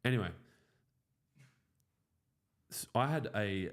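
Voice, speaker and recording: A man's voice: fairly low pitch, expressive, slow pace. A man with a broad Australian accent and a blokey, sweary, joking manner, hosting a casual live chat. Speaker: host of a lawn care show. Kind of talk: casual live chat answering viewer questions.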